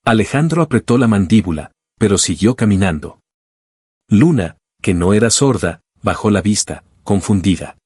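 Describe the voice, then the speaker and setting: A man narrating a scripted story in an even, measured reading. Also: on the low side, breathy edge, dry recording, clean studio sound.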